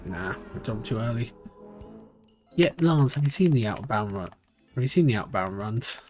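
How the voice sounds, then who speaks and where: A British man streams a speedrun live and rambles and thinks aloud as he plays. His accent drifts between different parts of the country, and his pitch sits in an ordinary middle range. Faint game music plays under his voice. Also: lively intonation, normal speed, darkish tone. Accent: British, shifting between regions. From Britain. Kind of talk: live-stream gameplay commentary.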